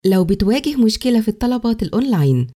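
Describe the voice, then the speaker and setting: An Egyptian woman speaks as the recorded customer service voice of a phone menu. Her tone is mellow and relaxed, with lively melodic movement in the pitch. The delivery is scripted, polite and formal, captured close and dry. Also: very fast, no echo.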